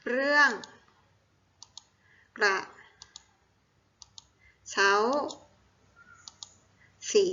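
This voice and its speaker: A woman's voice: fairly high pitch, sharp tone, highs cut off. A woman teacher leading a primary school lesson, reading exercises aloud syllable by syllable and asking the students questions.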